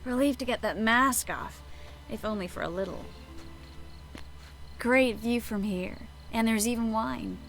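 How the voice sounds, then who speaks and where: Unhurried, playful sorceress Triss over music. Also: female voice, a little high, creaky, fairly bright tone. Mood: relaxed, wistful. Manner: teasing, giggly, coy. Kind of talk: video game dialogue acting.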